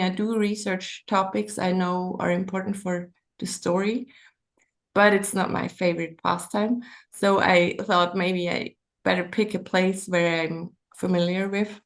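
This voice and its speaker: A woman with a Swiss German accent talks as an author being interviewed. Her voice has a gravelly creak and fairly even intonation. She pauses and searches for words as she thinks aloud. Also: medium pitch. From Switzerland. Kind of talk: conversational interview.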